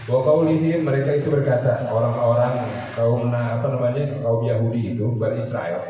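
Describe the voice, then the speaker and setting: A man's voice: medium pitch, steady tone, fairly quick, dark tone. A man giving an evening study sermon in a chatty, conversational way, slipping Arabic recitation in among street slang. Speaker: religious teacher. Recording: very echoey, distant, noisy hall recording.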